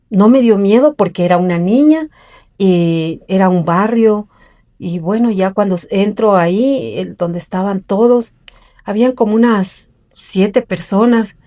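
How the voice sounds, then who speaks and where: A woman's voice: mid-range voice, warm tone. A middle-aged woman from Ecuador, telling her own life story in an interview in an earnest way and acting out the voices of the people in it. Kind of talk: personal storytelling.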